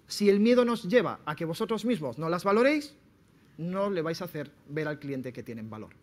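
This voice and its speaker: A man from Spain giving a sales seminar to entrepreneurs, lively and quizzing his audience. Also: on the high side, a little fast. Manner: lively, questions the audience directly. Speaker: speaker at a business talk. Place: seminar room.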